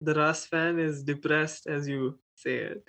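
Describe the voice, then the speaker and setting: A man on a casual sports podcast, matter-of-fact and unbothered, with halting restarts. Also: fairly high pitch, steady tone, sharp tone. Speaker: podcast co-host.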